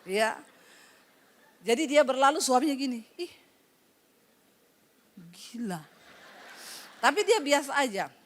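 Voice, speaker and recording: A woman's voice: high-pitched, slow pace, long pauses. A woman pastor preaching, telling a story with humor and acting out voices, teasing her listeners. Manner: lively storytelling, acts out dialogue with voice shifts; teasing, humorous asides to the congregation. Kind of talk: sermon.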